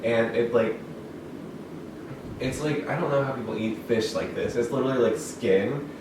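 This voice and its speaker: A man's voice: mid-range voice, normal speed. A young man chatting casually as a co-host, telling rambling stories full of fillers and laughs. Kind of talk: casual chat. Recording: echoey room, far from the mic, noisy.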